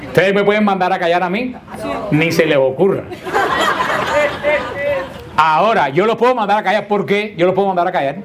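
A man's voice: sits high, a little fast, long pauses, a crowd in the background. A man leading a Bible study lecture, explaining plainly, repeating key points and keeping the group engaged with questions. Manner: keeps asking the group questions; playful teasing of the listeners. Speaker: Bible class teacher.

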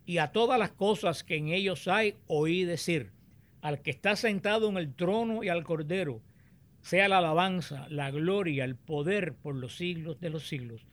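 A man teaching on the Bible, explaining and reading scripture aloud in a deliberate, explanatory way. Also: a little high.

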